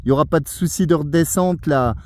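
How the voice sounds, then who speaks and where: A man with a fairly high voice talks a little fast, with slight background noise. He's an amateur radio operator outdoors on a mountain at night, chatting casually into a handheld radio mic in a friendly, chatty way with polite sign-offs.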